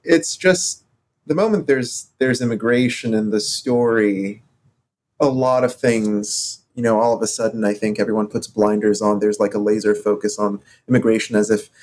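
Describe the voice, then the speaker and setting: A man from Morocco co-hosting a casual podcast discussion, talking in halting stops and starts with many fillers. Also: fairly low pitch, fairly even intonation, a little mellow. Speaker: podcast co-host.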